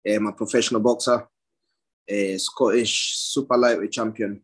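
A man's voice: fairly low pitch, steady tone, normal speed, husky. A young man from Somalia, a professional boxer, giving short plain answers in a casual interview and laughing often.

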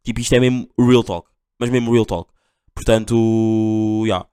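A man's voice: on the low side, fairly even intonation, measured pace, dark tone, clean tone, no room sound, clean studio sound. A young man with a Portugal accent hosting a casual solo podcast, rambling in slang with constant fillers. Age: young adult. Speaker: podcast host.

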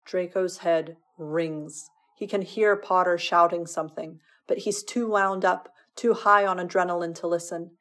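Low-voiced woman reading fiction aloud. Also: fairly even intonation, measured pace, hardly any pauses, a bit bright. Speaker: podfic reader. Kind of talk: expressive fanfiction audiobook narration.

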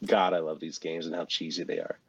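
A man co-hosting a casual chat, walking through a game character's moves in a relaxed, rambling way with many ums and restarts. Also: sits low, fairly quick, slightly rough, dull audio. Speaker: co-host presenting a game moveset. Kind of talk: casual chat about video games.

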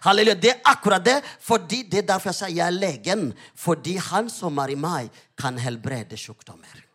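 High-voiced man preaching a lively sermon. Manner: lively storytelling, with emphatic exclamations. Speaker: pastor.

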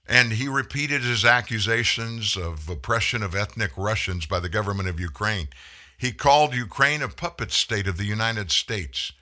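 A man's voice: fairly low pitch, bright, forceful tone. A man hosting a political commentary monologue, folksy and sarcastic. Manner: folksy and sarcastic, mocking voices when quoting. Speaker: commentary host.

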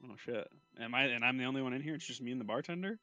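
A man's voice: medium pitch, rapid-fire, bright, forceful tone, muffled recording, faint music behind. A man playing a tabletop game, who rambles, hesitates and swears casually. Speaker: player.

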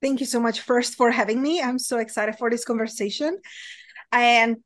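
Talkative and leaning heavily on "like" and "you know," a guest coach from the Czech Republic speaks with a Czech accent through a long, casual interview. Her pitch is a little high, her tone steady, her pace normal, and there's no echo.

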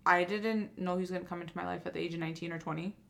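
A woman's voice: fairly even intonation, rapid-fire, creaky, a bit bright. A woman in her twenties co-hosting a podcast in casual chat, with lots of filler "like"s. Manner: chatty, many filler "like"s; acts out quoted relatives in a higher voice. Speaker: podcast co-host.

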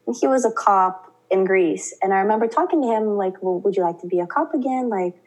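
A young woman from Russia, a student guest, chatting and acting out quotes in lively voices. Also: a little fast, low-quality recording. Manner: chatty, acts out quotes with lively pitch jumps. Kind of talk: casual interview talk.

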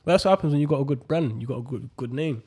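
A man's voice: mid-range voice, rapid-fire, mellow, slightly rough. A young man with a London accent, chatting casually in slangy roadman talk. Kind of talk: casual chat.

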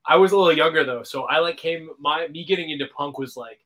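Fast-talking man in his thirties. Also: fairly high pitch. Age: 30s. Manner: animated storyteller, lots of "like" and "man". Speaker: band member, guest. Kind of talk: casual chat.

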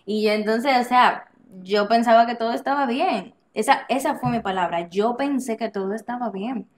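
An animated woman speaking as a podcast guest, recounting a personal experience in a relaxed, conversational way. She tends to act out the lines she quotes, and she often restarts her sentences mid-thought. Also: a little high, moderate pace. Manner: animated, acts out quoted dialogue, frequent restarts and laughs. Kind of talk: personal storytelling in casual conversation.

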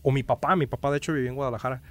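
A man's voice: mid-range voice, steady tone, rapid-fire, fairly bright tone, dry recording. A young man from Guanajuato with a Mexican accent, telling a story in casual chat, full of crude slang and acted-out quotes. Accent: Mexican Spanish, Guanajuato. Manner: crude slang-heavy storytelling, acting out other people's lines.

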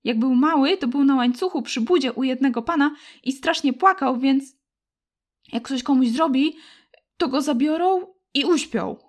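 A woman voicing a small, scrappy red-haired girl in an audiobook, high and excitable. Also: moderate pace. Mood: pleading. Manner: high, excitable and tearful when upset. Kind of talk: audiobook character voice.

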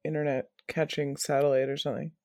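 A man's voice: fairly high pitch, level tone, fast, creaky, mellow, dry recording. A man co-hosting a podcast from home, chatting casually and tossing in dry quips. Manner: dry quips, laughs along. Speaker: podcast co-host. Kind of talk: casual chat. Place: home, recording remotely.

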